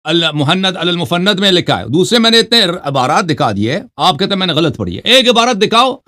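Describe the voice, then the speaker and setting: A man's voice: high voice, big pitch swings, sharp tone, no room sound, studio quality. A man hosting a heated religious debate, pressing his opponent with repeated, insistent questions. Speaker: debate host.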